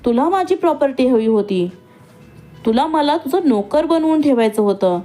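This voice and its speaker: A woman's voice: a little high, expressive, normal speed, a little mellow, faint music behind, natural voice. A woman reading an earnest, pleading young man. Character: young man, protective husband and son.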